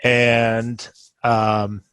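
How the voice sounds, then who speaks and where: Slow um-ing guy describing his d&d move, dry mic. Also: medium pitch, flat delivery, fairly bright tone, clear, resonant tone, dry recording. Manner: halting, hesitant, many ums. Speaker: player. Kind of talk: tabletop game play.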